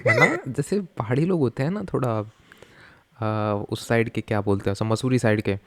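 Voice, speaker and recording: A man's voice: medium pitch, normal speed, dry recording. A young Indian man with an Indian accent giving joking, chatty reaction commentary, mixing Hindi and English. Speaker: reaction video host.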